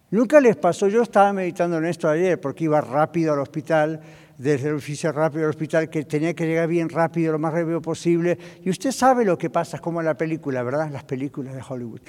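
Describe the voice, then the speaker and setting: A man preaching from the pulpit with a fairly high voice that carries a long hall reverb through the church. He is lively and conversational and switches into English phrases. He acts out little back-and-forth dialogues as he teaches. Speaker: pastor. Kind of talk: sermon. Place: church sanctuary.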